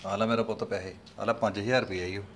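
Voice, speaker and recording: Man playing a low-voiced coaxing father. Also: fairly even intonation, fast, a bit bright, slight background noise, natural voice. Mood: fatherly. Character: scheming soft-spoken village father, middle-aged. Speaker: actor. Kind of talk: family drama skit.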